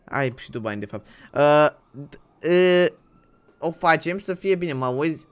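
A man playing in a game roleplay, pleading in a panic and shouting the same pleas again and again. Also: fairly high pitch, lively intonation, smooth. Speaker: roleplay streamer. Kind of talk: casual game roleplay chat.

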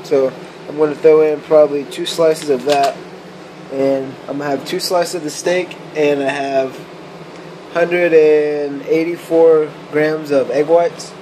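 A young man vlogging in his home kitchen, explaining his cooking step by step in a relaxed, matter-of-fact way with plenty of fillers. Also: a little high, measured pace, background noise. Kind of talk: casual cooking vlog. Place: home kitchen indoors, then a car. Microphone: handheld camera close, at times set down.

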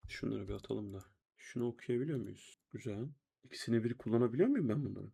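A man's voice: medium pitch, fast talker, gravelly, mellow, breathy edge. A young man giving chatty let's-play commentary, talking to viewers and to himself as he plays, with keyboard typing behind. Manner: chatty, talks to himself and viewers while playing, exclaims at deaths. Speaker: gameplay streamer.

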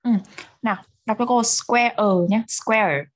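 Patient, slow-talking Vietnamese woman teacher. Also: a little high, lively intonation, no room sound. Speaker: English teacher. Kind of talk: online repeat-after-me language drill.

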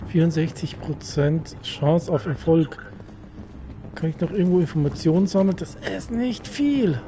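A man does casual let's play commentary in a slightly high voice. He mutters to himself as he plays, with clear game music behind him. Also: unhurried.

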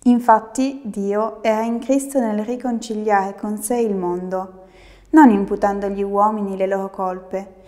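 A young woman reads a Bible passage aloud in a steady, careful way. Her voice is mellow and dark. It carries a long reverb tail, as if from a resonant room. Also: medium pitch. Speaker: scripture reader. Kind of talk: Bible reading. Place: room with bookshelves, indoors.

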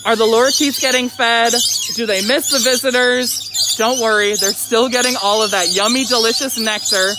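A woman hosting a live zoo show in an excited, chatty way, her voice slightly muffled through a face mask. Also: on the high side, normal speed. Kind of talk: upbeat live-stream presenting. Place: outdoor zoo by a lorikeet aviary. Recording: very noisy aviary, loud bird and animal calls. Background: loud bird calls and chirping.

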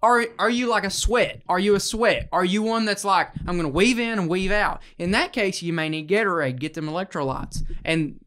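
A man in his twenties hosts a podcast in a small indoor room, speaking close to a handheld-style mic on a stand. His voice is high and fairly bright, moving at a normal speed with hardly any pauses. He chats casually, joking and playing up a mock-dramatic tone.

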